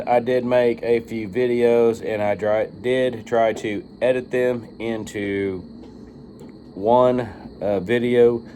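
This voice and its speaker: A video reviewer of firearm optics rambles informally to his viewers in an unscripted monologue, swearing now and then. His voice sits lowish and a little mellow, with slight background noise.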